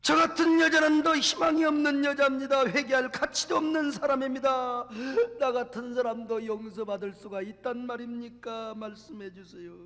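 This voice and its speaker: An ashamed, tearful woman, as a preaching man acts her out, pleads for a way to repent. The voice sits very high and hangs in a long hall reverb. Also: fairly even intonation, normal speed, few pauses, a bit bright. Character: tearful adult woman confessing adultery, ashamed.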